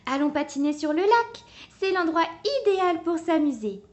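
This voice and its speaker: A kind little cub heroine, as a woman acts her out, full of eager exclamations. Her voice sits high and childlike, with a bouncy, lively pitch. She is a gentle storybook figure. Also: normal speed, highs cut off.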